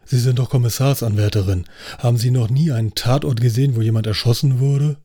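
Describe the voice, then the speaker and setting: A man's voice: medium pitch, fast talker, warm tone, breathy edge. A man voicing a skeptical, experienced police inspector with a dry delivery. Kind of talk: audiobook acting.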